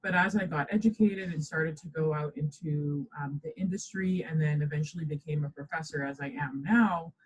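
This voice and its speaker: A woman from the Bahamas, a professor, speaking thoughtfully as a podcast guest, measured and full of ums. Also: sits low, low-quality recording. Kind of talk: podcast interview.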